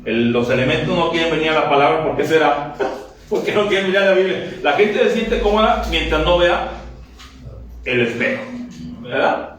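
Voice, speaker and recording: A man preaching a lively, joking sermon, acting out quick dialogues to his congregation. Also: fairly high pitch. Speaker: pastor. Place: church sanctuary. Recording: very echoey church from a distance.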